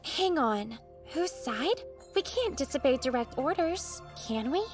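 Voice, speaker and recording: A woman's voice: sits high, lively intonation, measured pace, faint music behind. A woman voicing a cheerful, earnest teenage girl soldier in an anime dub, chatty and a little worried. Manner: bright, chatty, a bit worried. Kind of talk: anime English dub acting.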